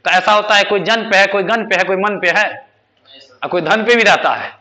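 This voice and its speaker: A man's voice: high voice, normal speed, sharp tone. A man teaching a spoken English class, quizzing students with repeated questions. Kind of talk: classroom lesson.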